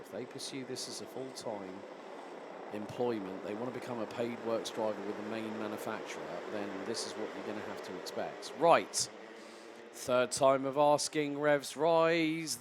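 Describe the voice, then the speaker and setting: A man commentating live on a kart race, turning excitable at incidents and chatty in between. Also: on the low side, background noise. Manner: excitable, rising sharply at incidents then settling into chatty explanation.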